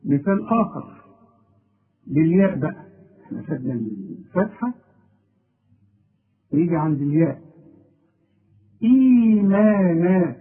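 A man with an Egyptian Arabic accent teaching a recitation lesson, asking and then answering his own questions and stressing key words. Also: a little high. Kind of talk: explanatory lesson. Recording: tinny phone-like audio.

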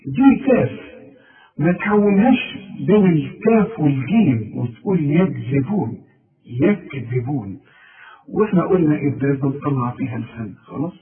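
A man with an Egyptian accent teaching tajweed, patiently explaining rules and slowly repeating words to demonstrate them. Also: a little high, lively intonation, phone-quality sound. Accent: Egyptian Arabic. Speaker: Quran recitation teacher. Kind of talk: tajweed lesson with recited examples.

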